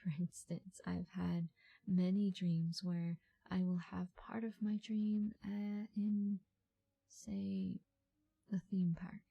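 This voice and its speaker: A woman in a soft, breathy ASMR ASMR role-play as a patient, reassuring call center agent, speaking in unhurried phrases with murmured acknowledgements. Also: on the low side, flat delivery, muffled recording.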